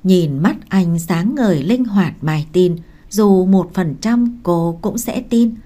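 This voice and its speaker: A woman narrating a novel in a calm, measured storytelling manner. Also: lowish voice. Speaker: audiobook narrator.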